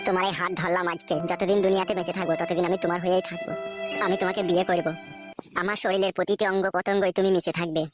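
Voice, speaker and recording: A lewd young village man in a cartoon sweet-talks in a flowery, syrupy way, as a woman puts on his lowered voice. He rattles along very quickly. Faint music plays under him. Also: level tone, natural voice. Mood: wooing. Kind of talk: cartoon voice acting.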